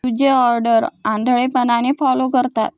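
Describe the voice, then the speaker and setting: Scheming sly man, voiced by a woman, high voice, dull lo-fi sound. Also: little pitch movement, measured pace, no room sound. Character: scheming man bluffing about guards.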